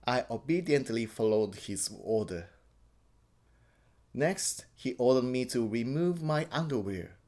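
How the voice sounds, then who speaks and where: A man from Japan with a Japanese accent gives a personal account in halting English, often repeating and correcting words. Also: mid-range voice, expressive, darkish tone. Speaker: interviewee.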